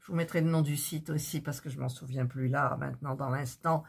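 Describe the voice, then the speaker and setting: A woman's voice: extremely low pitch, fairly even intonation, brisk, creaky, breathy edge. A woman hosting her craft channel, chatting casually as she works at her desk, often breaking off mid-sentence and getting flustered. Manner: chatty, self-interrupting, easily flustered. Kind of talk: casual chat while crafting. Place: home desk.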